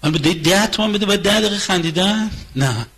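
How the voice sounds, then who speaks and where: A man with a slightly high, husky voice talks through a marriage in conversational lecture style. He repeats phrases for rhythm and slips into acting out both husband and wife in rapid exchanges, with a forceful edge to his delivery. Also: animated, low-quality recording. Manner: acts out both spouses in quick dialogue. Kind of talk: lecture on relationships.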